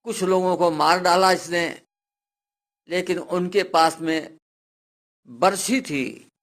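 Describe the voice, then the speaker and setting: A man narrates a devotional folk tale in an unhurried, deliberate way. His voice rests somewhat high for a man. He builds the drama steadily and lets it break into loud, cried-out lines. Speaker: storyteller.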